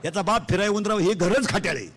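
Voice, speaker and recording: A man with a Marathi accent preaching a comic devotional sermon in a pavilion, loudly quizzing his listeners. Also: sits high, fast talker, gravelly. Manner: loud, quizzing the audience, singsong mimicry. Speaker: kirtan preacher. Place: outdoor pavilion before a crowd. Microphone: stage microphone.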